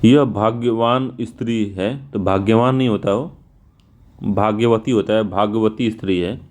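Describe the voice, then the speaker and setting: A male teacher going through exam answers, spelling words out slowly and repeating them, casual in tone. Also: lowish voice, a little mellow. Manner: informal, repeats "theek hai" often.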